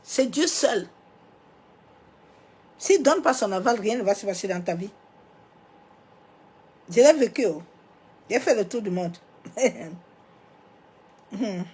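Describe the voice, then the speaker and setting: This sermon comes from a woman pastor with a cold and a cough, speaking in a mid-range, animated voice with a breathy edge, slowly and with frequent pauses. Loud, emphatic declarations give way to soft, almost whispered asides, sprinkled with little rhetorical interjections.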